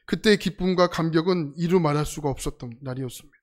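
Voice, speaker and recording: Man, pastor, middle-aged, from South Korea, high voice, lively sermon storytelling. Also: fast talker. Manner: animated, acts out quoted voices.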